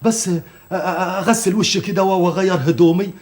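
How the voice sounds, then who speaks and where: A blustering Egyptian boss. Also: male voice, sits high, a little fast, a little mellow. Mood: coaxing. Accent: Egyptian Arabic. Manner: blustering then smoothly coaxing. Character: hard-pressed man placating a worker. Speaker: father and businessman short of money. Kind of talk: 1980s TV drama acting.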